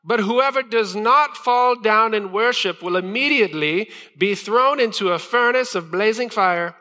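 A man voicing a loud, pompous male royal herald making a booming proclamation, heard with the long reverb of a church hall. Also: unhurried. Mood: proclaiming.

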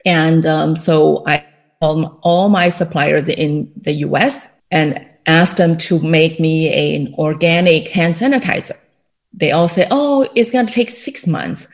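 In a casual interview, the guest, a middle-aged company founder with a Taiwanese accent, tells her story at an unhurried pace, her voice sitting low. She laughs lightly and uses lots of fillers along the way.

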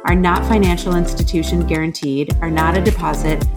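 A woman hosting a podcast, reading scripted material in a formal, measured, structured way. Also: lowish voice, fairly even intonation. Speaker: podcast host. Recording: music playing behind the voice. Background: music.

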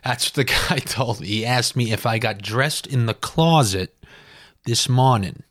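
New guy ranting on his podcast, sarcastic, makes fun of himself, regular pitched voice. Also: measured pace, fairly bright tone, no room sound, studio quality. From New York. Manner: sarcastic, ranting, self-deprecating. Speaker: podcast host. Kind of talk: solo comedic podcast monologue.

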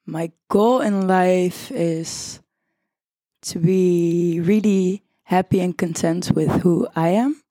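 A woman's voice: on the low side, fairly even intonation, takes it slowly, mellow, no echo, studio quality. A twenty-year-old woman, talking informally as a podcast guest. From The Hague, Netherlands. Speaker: student panel guest.

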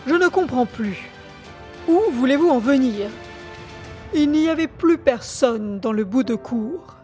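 A woman's voice: sits high, animated, a little slow, dark tone, soft background music. A woman voicing a stern male court president who questions in a formal, insistent way. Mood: questioning.

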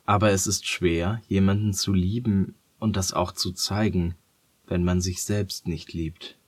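A man reading a children's story aloud in a calm, gentle and measured way. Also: low-pitched, no room sound.

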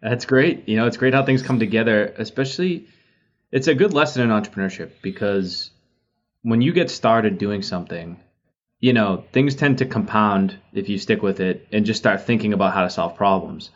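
A man's voice: lowish voice, moderate pace. A man hosting a podcast, chatty and enthusiastic, asking long rambling questions. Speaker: podcast host. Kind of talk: conversational interview. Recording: dull lo-fi sound.

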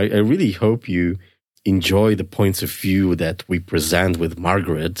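Deep-voiced enthusiastic man hosting a podcast. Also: dry recording, clean studio sound. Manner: enthusiastic, upbeat. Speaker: podcast host. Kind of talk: podcast introduction and interview.

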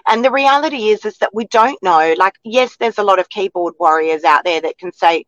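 A woman's voice: mid-range voice, lively intonation, a little fast, fairly bright tone. An Australian woman in her forties chats in a parked car, gushing and a little emotional, full of ums and you-knows. The sound is dull and dry, with no echo from the close cabin. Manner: chatty and emotional, many fillers. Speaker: real estate agent co-host. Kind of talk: casual chat.

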